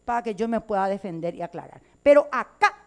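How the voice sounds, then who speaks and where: A woman's voice: mid-range voice, animated, fairly quick. A woman legislator with a Paraguayan Spanish accent giving a combative, emphatic floor speech in a legislative chamber.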